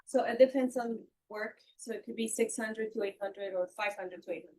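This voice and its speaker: A woman's voice: a little high, normal speed, dark tone, a little hiss or hum, poor audio. A woman working as a court interpreter, relaying testimony sentence by sentence.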